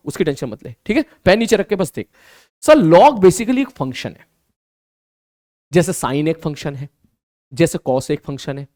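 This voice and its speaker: A male teacher giving an online maths lesson in a lively way, slowing down to spell out terms and answering his own questions in his students' voices. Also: a little high, no room sound, studio quality.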